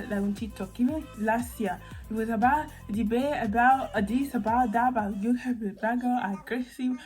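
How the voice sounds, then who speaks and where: A woman's voice: mid-range voice, darkish tone, rough recording. A young woman from Italy in a casual opinion vlog, chatty and rambling with many restarts. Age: young adult. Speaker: vlogger. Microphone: phone mic.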